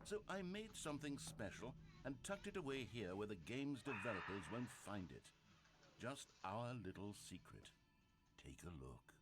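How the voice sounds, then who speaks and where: A theatrical, swooping video game narrator. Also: male voice, lowish voice, big pitch swings, normal speed, over music. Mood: conspiratorial. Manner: pompous, melodramatic, addressing the player directly. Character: wry, theatrical, needy male narrator of a game.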